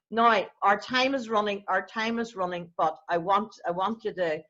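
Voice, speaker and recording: A woman's voice: mid-range voice, fairly even intonation, unhurried, a bit bright, muffled recording. A woman hosting an interview show, bubbly and enthusiastic, laughing easily. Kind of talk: casual interview. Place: home, over a video call.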